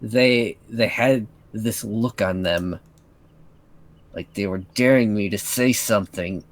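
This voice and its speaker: A performer voicing a prim young woman who is bitter and stewing in a foul mood, with low, clipped, sneering delivery in an amateur voiced story reading. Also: slow pace.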